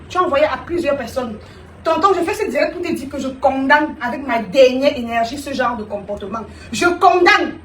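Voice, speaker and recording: A woman speaking live to her viewers, animated and teasing, addressing them directly. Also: high voice, roomy sound, recorded from a distance, a little hiss or hum. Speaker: live streamer. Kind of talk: live stream monologue to viewers.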